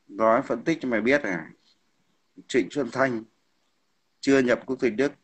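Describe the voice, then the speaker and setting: A man's voice: on the low side, a bit bright. A man ranting combatively on a livestream, hurling insults and repeating "hiểu không?". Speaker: livestream host. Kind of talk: heated political livestream rant.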